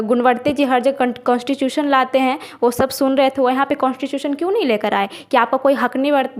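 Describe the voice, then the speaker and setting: Female show reviewer, high voice, indignant ranting delivery. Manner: indignant, ranting, mixes English words. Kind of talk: casual video commentary.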